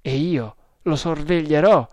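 A man's voice: fairly high pitch, a little slow, darkish tone, no echo, close to an everyday voice. A narrator voicing a brave, wary young male hunter who answers in terse, guarded lines in a storybook reading. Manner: terse, restrained.

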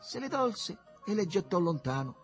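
A man narrating a literary novel with an expressive, swooping storytelling delivery. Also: high voice, moderate pace, soft background music.

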